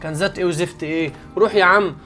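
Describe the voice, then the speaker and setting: A brash young Egyptian man who is ashamed of his poor father, played by a man. He talks defensively and in a high voice, and rattles his words off fast. Faint music sits under him. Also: bright, forceful tone. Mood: exasperated. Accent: Egyptian Arabic. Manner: defensive, exasperated, lying.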